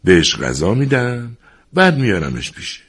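A man voicing a frail elderly grandfather who pleads gently with a child, speaking in a raised, husky voice. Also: medium pitch, very animated, pitched above the performer's own voice. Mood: pleading.

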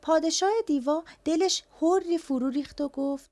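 A woman telling a folk tale in an animated, colloquial storyteller's voice. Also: high-pitched, no echo.

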